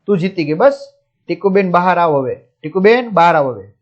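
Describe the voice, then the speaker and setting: A man's voice: high voice, animated, normal speed, dull audio. A man voicing a big, playful male elephant who boasts like a child in a storybook tale for young pupils. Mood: puzzled, pleading.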